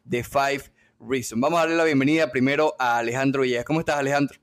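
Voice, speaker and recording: A man's voice: mid-range voice, steady tone, quick pace. A man hosting a sports podcast in a casual, jokey and teasing style.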